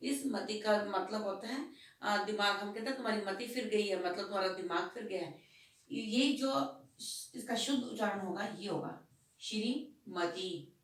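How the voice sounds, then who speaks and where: A woman teaching a school Hindi lesson, explaining patiently and asking questions that she answers herself. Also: medium pitch. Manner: slow, patient, asks and answers her own questions. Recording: echoey room, voice from a distance.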